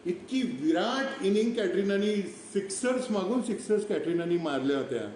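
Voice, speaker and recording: A man's voice: high voice, animated, moderate pace, darkish tone. A man from Maharashtra telling vivid wildlife stories on a live stream, acting out animal calls as he goes. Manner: vivid storyteller who imitates animal calls. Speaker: wildlife speaker. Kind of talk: storytelling talk on a live stream. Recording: echoey room, distant mic, faint noise.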